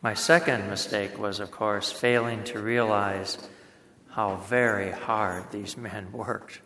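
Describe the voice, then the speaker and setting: A man preaching a sermon, telling a story in a plain-spoken way and slowing down to stress words. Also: on the low side, fairly even intonation, bright, forceful tone. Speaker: pastor. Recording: echoey hall.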